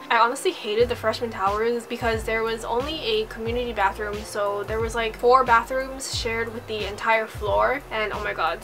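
Young woman from hawaii vlogging in her bedroom, chatty, says like a lot, music in the back. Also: fairly high pitch. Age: 20s. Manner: chatty, upbeat, lots of "like". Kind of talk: casual advice vlog. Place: bedroom, indoors. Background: background music.

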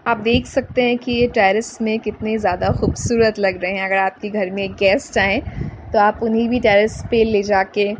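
A woman's voice: medium pitch, steady tone, normal speed, a little hiss or hum, poor audio. A woman hosting a craft channel, giving a patient, step-by-step DIY voice-over and mixing English words into her Hindi.

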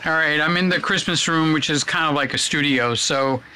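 Chatty man with a bright voice. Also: on the high side, moderate pace, clean tone. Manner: chatty, self-narrating, many fillers. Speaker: vlogger. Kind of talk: casual vlog talk. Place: home room used as a studio. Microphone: camera on a tripod.

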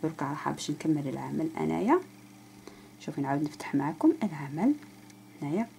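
A woman's voice: deep voice, expressive, quick pace, vocal fry, mellow, slight background noise. A woman with an Algerian Arabic accent teaching crochet step by step, counting stitches aloud and speaking straight to the viewer. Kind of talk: step-by-step craft tutorial.

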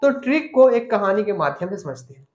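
A man's voice: high voice, sing-song, a little fast. A man teaching an online grammar lesson. He explains step by step, repeats the key points and asks his students questions. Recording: echoey room.

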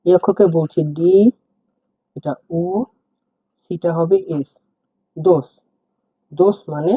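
A man's voice: sits high, no room sound. A man teaching the alphabet step by step, spelling out letters and repeating each word with its meaning. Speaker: language teacher. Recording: tinny phone-like, husky and dry.

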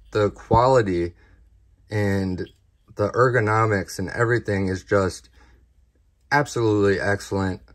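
Slow, low-voiced man reviewing gear. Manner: relaxed, plain-spoken, addresses viewers as guys. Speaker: knife review channel host. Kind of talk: casual product review.

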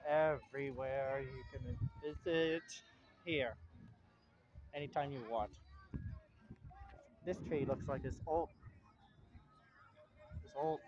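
This young Puerto Rican vlogger has a mid-range, slightly mellow voice. He walks through an outdoor beach park and in and out of a tent, filming on a handheld phone and rambling at an easy pace in plain words. The phone audio is dull and lo-fi.

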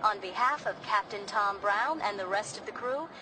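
A woman voicing an airline announcer over a PA loudspeaker. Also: mid-range voice, recorded from a distance, background noise. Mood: formal. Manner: clear, measured, formal announcing. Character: calm female airline announcer.

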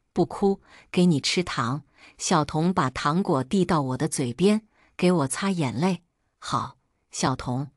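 A woman narrating a first-person family story in a steady, plain storytelling manner. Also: sits low, dry recording, clean studio sound.

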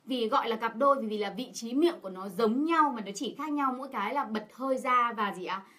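A woman with a bright, slightly high voice interprets for the class. She keeps asking her listeners questions and fills her pauses with short sounds. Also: animated. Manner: asks rhetorical questions of the class, with many fillers. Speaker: co-teacher and interpreter. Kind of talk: explaining a lesson in Vietnamese.

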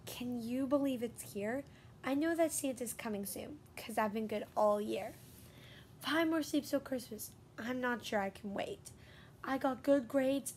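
A young girl with a high voice hosts a casual vlog, chatting with viewers and reading a storybook aloud. She's recorded in an echoey room some distance from the mic, with faint background noise.

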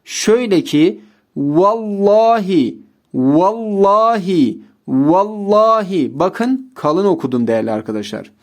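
A man teaching Quran reading in a recorded lesson, explaining rules and reciting practice words slowly, often addressing his viewers as dear friends. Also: a little high, darkish tone.

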